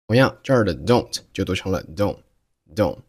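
A man teaching English pronunciation, explaining slowly and carefully and reading example sentences aloud. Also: low-pitched, expressive, a little mellow, husky. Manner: slow, careful demonstration of sounds.

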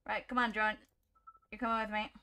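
A woman's voice: mid-range voice, little pitch movement, brisk, sharp tone, clear, resonant tone. A woman giving casual let's-play commentary, jumpy and chatty, laughing often and talking to the game as she plays. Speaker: gaming YouTuber.

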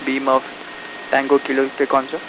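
A man's voice: medium pitch, monotone, moderate pace. A man working as a ship's radio operator, making procedural marine radio calls over VHF. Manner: procedural radio call phrasing. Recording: muffled, hissy, noisy VHF radio.

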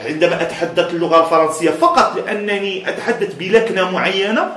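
A man's voice: high voice, fast, fairly bright tone, reverberant. A man from Morocco with a Moroccan Amazigh accent, giving a casual motivational talk in an emphatic, blunt way, laughing often between points. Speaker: motivational speaker.

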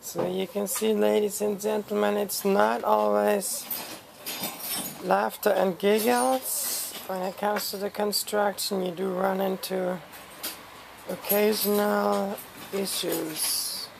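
A woman's voice: medium pitch, steady tone, takes it slowly, vocal fry. A woman filming a home renovation, chatting casually to viewers and explaining each step as she goes. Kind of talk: casual narration to camera. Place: outdoor backyard and small bathroom. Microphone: handheld camera. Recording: noisy outdoor camera audio with dogs barking.

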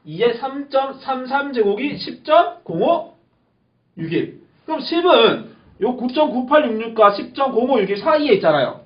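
A man's voice: very high-pitched, big pitch swings, normal speed. A man teaching a math lesson, repeating key terms emphatically and checking that the class understands. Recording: echoey lo-fi classroom recording with faint hiss.

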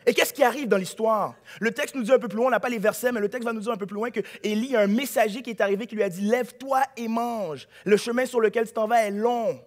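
A male pastor, preaching a sermon in a church, dropping to a hush and then rising to a shout. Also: very high voice, fast, hardly any pauses. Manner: dramatic preaching, swings from hushed to shouting.

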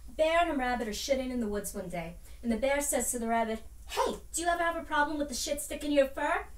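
A woman's voice: sits high, animated, fast, echoey room, recorded from a distance. A woman playing a brash, volatile young starlet from Jersey with a New York Queens accent, performing a profane, explosive dramatic monologue. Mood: wry, crude.

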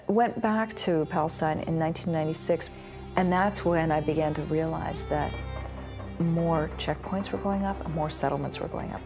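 Middle-aged woman, gravelly fry, interview recollection, close indoor mic, clear music behind. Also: on the low side, a little mellow. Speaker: lawyer interviewee. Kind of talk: documentary interview, personal recollection. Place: small indoor room with bookshelves.

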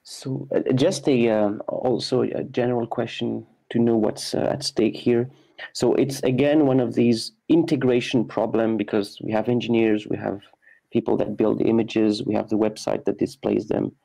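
Gravelly, warm-toned male moderator on a call, questioning. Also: lowish voice, fairly even intonation, normal speed, poor audio. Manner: questioning, hesitant. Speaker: meeting moderator. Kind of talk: casual meeting discussion. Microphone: video call.

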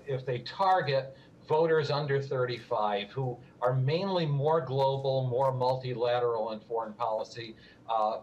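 A man speaking as a pollster by phone, halting, with many fillers. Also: medium pitch, slight background noise. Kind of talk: panel discussion. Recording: dull phone-line audio.

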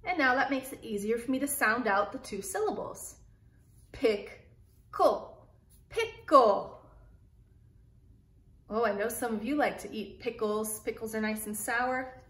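A woman teaching young children an early reading lesson, sounding out words slowly and clearly in an encouraging way. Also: on the high side, reverberant.

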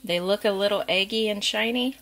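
A woman in her thirties chatting casually while filming herself in her kitchen, thinking out loud as she goes. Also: medium pitch, a little fast. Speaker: family vlogger. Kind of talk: casual vlog chat. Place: home kitchen. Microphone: handheld camera at arm's length.

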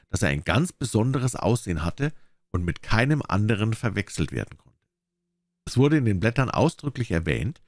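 Low, expressive male storyteller. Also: dry recording, clean studio sound. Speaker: audiobook reader. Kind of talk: reading a classic story aloud.

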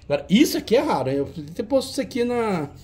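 A man's voice: sits high, big pitch swings, rapid-fire, dark tone. A man hosting a retro game auction, showing old cartridges in casual, teasing banter. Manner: chatty, teasing, jokey banter with a helper.

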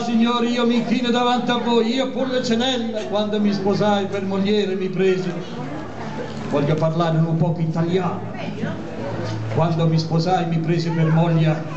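Cheeky Neapolitan puppet clown, theatrical live show, high voice, dull sound with crowd around. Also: male voice, flat delivery, measured pace. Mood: chatty, proud. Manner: theatrical, addressing the audience. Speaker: puppeteer performer. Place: outdoor puppet booth through speakers, filmed from audience. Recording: dull echoey outdoor recording with crowd.

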